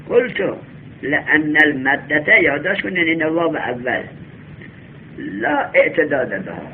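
A male teacher giving a classroom lesson, reading a text slowly aloud, then explaining it and quizzing his students. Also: a little high. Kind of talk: classroom lesson on Arabic grammar. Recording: tinny lo-fi recording with faint hum.

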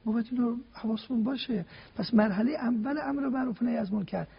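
A man's voice: extremely high pitch, vocal fry, slightly rough. A man giving a religious talk on a TV program, laying out his points one by one with emphatic rhetorical questions. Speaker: religious guest speaker. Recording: dull lo-fi broadcast sound.

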